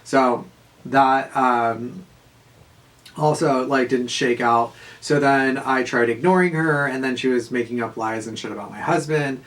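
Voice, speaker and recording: Man, casual storytime vlog, mid-pitched, swears, rambles, laughs a lot. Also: a little slow, fairly bright tone. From Southern California. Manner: rambling, profane, laughs often, many fillers. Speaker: vlogger.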